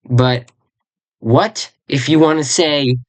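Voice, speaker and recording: Someone teaching their own made-up language, talks slow, loses the word a lot, dry close sound. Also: medium pitch, no echo. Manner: rambling, searches for words and corrects itself; spells out and repeats words slowly. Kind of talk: casual language lesson.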